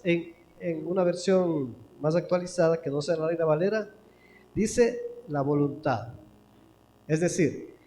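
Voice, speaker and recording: Ecuadorian guy preaching in a church, high voice, lots of why-cant-i questions, long echo in the hall, bit of hum behind. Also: a little mellow. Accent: Ecuadorian Spanish. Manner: asks many rhetorical questions. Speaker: pastor. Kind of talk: sermon. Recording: echoey church hall with faint background noise.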